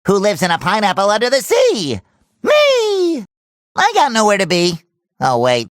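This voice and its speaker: High squeaky SpongeBob-style cartoon sponge. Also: male voice, big pitch swings, fairly quick, no echo, studio quality. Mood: upbeat. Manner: childlike, exaggerated, eager delivery. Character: cheerful, naive, excitable young male cartoon sea sponge. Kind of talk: cartoon video game voice lines.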